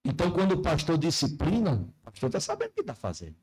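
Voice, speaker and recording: A pastor preaching a folksy sermon in church, often asking the congregation questions. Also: male voice, fairly high pitch, huge pitch swings, quick pace, darkish tone, slightly rough, soft background music, poor audio.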